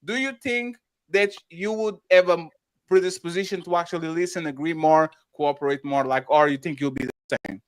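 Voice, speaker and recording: A man's voice: fairly high pitch, fairly even intonation, normal speed, smooth. A man with a Russian accent, speaking as a panelist in a debate.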